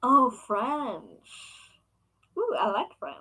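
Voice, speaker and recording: A woman's voice: high voice, big pitch swings, extremely slow, pushed and bright, breathy edge, poor audio. A young woman and craft shop owner chatting casually with viewers, rambling along with lots of fillers. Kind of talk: casual chat answering viewers.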